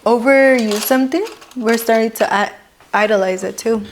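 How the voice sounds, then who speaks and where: A young Mexican woman, a lash artist who hosts a podcast, chats casually and drops Spanish phrases into her English. She speaks at normal speed in a slightly high voice, with slight background noise.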